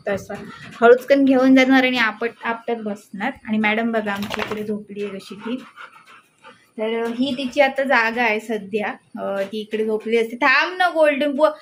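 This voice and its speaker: A woman with a Marathi accent chatting casually to camera at home about her dog and cat, now and then scolding and coaxing them. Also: slight background noise. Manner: chatty, scolds and coaxes pets in a higher playful voice. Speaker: pet vlogger. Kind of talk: casual vlog narration to camera. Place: home indoors.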